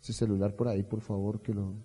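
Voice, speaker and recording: A man's voice: fairly low pitch, little pitch movement, a little fast, dark tone, slightly rough. A middle-aged Colombian man preaching a rousing sermon as pastor, calling for responses from the congregation. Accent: Colombian Spanish. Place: church hall. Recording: long reverb of a church hall.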